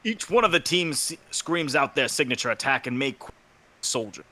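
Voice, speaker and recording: A man with a bright, forward voice narrates a fanfiction reading and calls out each character's cue. His tone is upbeat and chatty. The pitch sits in the middle range. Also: animated, moderate pace. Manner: upbeat, announcing the cues. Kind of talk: casual chat and fanfiction narration.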